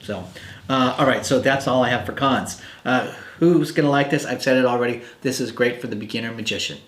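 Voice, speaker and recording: A man's voice: medium pitch, fairly quick. A man giving a casual, rambling video review of a magic product, full of ums and uhs. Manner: chatty, rambling with many fillers. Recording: roomy echo.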